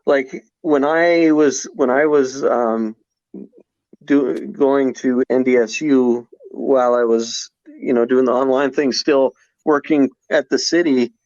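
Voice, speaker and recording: A man's voice: medium pitch, fairly even intonation, slow pace, a little mellow, no echo. A man in his forties, a podcast guest in casual conversation, talking reflectively with many restarts and fillers. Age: 40s. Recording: slightly dull podcast audio.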